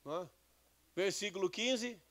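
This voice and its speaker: A man's voice: sits high, normal speed, fairly bright tone. A man, a bishop giving a conversational sermon with Bible readings and questions to the congregation. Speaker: bishop preaching.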